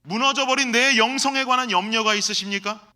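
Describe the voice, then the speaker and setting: A man preaching a sermon as pastor, swinging between loud exhortation and hushed, low asides. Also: brisk. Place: church sanctuary.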